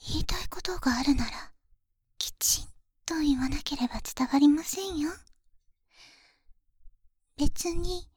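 A woman's voice: sits high, lively intonation, measured pace, pauses often, a little mellow, no echo. A woman voicing a polite but jealous young maid in an ASMR roleplay, speaking very formally and whispering close to the ear. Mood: teasing, jealous. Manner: very formal, deferential speech with teasing jabs. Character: polite, jealous young maid who calls herself boku. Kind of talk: ASMR roleplay audio drama.

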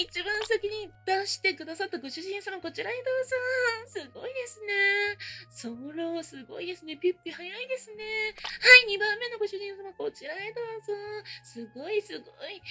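High, bright, teasing young-sounding woman. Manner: teasing, mocking, polite maid phrasing, giggling often. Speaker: voice roleplay performer. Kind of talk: adult voice roleplay as a maid.

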